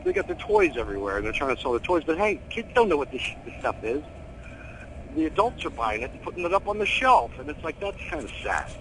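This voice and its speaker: A middle-aged American man chatting casually in an interview, animated, opinionated and full of slang. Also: a little high, fast, a little hiss or hum, rough recording. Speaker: horror host being interviewed.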